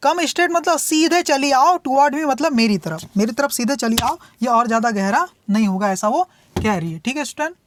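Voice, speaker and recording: A young woman teaching English. She reads each story line slowly, then explains it in quick Hindi and keeps checking in with her students. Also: sits high, lively intonation, a little hiss or hum. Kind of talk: bilingual lesson explaining a story.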